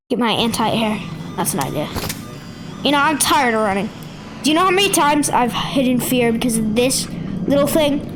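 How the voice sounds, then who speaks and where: A woman giving jumpy, excitable commentary over her own gameplay, often yelling at the game. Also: fairly high pitch, a little slow, long pauses, over music, rough recording. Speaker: gaming video creator.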